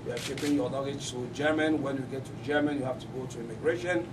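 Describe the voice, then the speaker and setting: A man telling his own story at a press conference, in halting speech that repeats words. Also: mid-range voice, fairly even intonation. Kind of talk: personal testimony at a press conference. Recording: distant mic with clear room noise.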